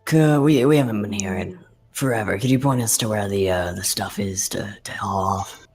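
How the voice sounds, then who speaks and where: Husky, hesitant tabletop player. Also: male voice, on the low side, normal speed. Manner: hesitant, full of restarts. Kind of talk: casual tabletop game chat.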